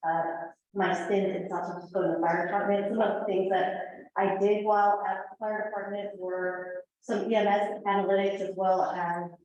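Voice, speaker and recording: A woman's voice: medium pitch, a little mellow. Nervous woman in an echoey hall. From El Salvador. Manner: nervous, hesitant with fillers. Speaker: new staff member. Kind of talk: self-introduction at a meeting. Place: large meeting room. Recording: echoey dull meeting room audio, faint hiss.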